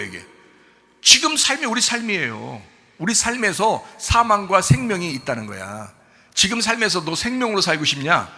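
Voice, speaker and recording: A male pastor delivering a sermon, moving from soft explanation to shouted rebuke and mocking the prayers he quotes. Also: high-pitched, gravelly. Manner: shifts from soft talk to shouted rebuke, addresses listeners as "you".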